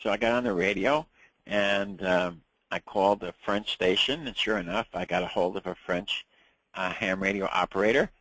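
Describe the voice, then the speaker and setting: New york guy in his 60s running a ham radio class, lowish voice, dry sound, chatty storyteller. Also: moderate pace, fairly bright tone, no echo, rough recording. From Long Island, New York. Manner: chatty, anecdotal, repeats words when restarting. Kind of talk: casual classroom lecture.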